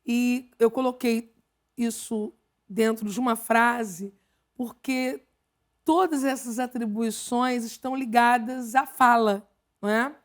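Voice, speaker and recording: A Brazilian woman, a pastor hosting an interview, asking measured questions and affirming her guest. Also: on the high side, steady tone. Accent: Brazilian Portuguese. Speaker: pastor and host.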